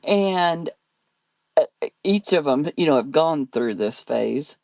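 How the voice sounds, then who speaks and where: An older grandmother talks slowly and easily on a live stream, her voice low with a gravelly edge, and her pitch swings widely. She chats and laughs between viewer comments, and the sound is close and dry. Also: expressive, a little mellow, no echo. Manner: chatty, laughs often, reads viewer comments aloud. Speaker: live-selling host. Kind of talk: casual live-stream chat.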